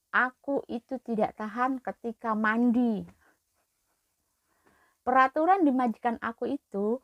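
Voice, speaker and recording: A young Indonesian woman working as a domestic helper, telling her story in an emotional, animated way. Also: fairly high pitch, no echo, lo-fi sound. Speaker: domestic worker. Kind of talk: storytelling vlog.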